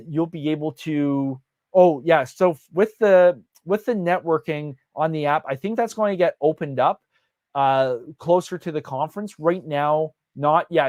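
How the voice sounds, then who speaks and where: A man's voice: a little high, a little mellow, no room sound, studio quality. A man hosting a casual live question-and-answer session as a conference organizer, talking loosely with many fillers and restarts.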